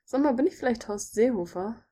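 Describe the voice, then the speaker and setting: A woman co-hosts a podcast, playing a guessing game in relaxed chat, teasing and laughing with ease. Her voice is a little high, expressive, and warm, and she talks slightly fast.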